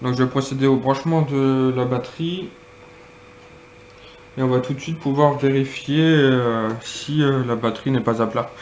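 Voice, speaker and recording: A man casually demonstrating and reviewing a piece of gear, speaking hesitantly with frequent pauses and fillers. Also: mid-range voice, steady tone, darkish tone, a little hiss or hum. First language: French. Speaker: product reviewer.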